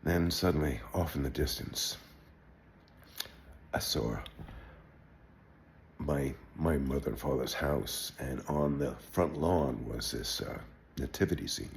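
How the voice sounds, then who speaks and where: An older man telling a wry personal anecdote in a relaxed, halting way, with wry understatement. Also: extremely low pitch, creaky, slight background noise. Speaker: storyteller. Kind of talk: personal anecdote told aloud.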